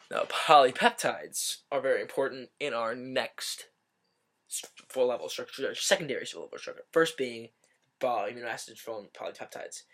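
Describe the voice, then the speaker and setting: A man talking through a biology topic in a loose, chatty explainer. He stumbles over words, restarts sentences and tosses in small jokes as he goes, at a pitch that is neither high nor low for a man. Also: fairly bright tone. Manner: rambling, self-correcting, joking asides. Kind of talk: casual explainer video.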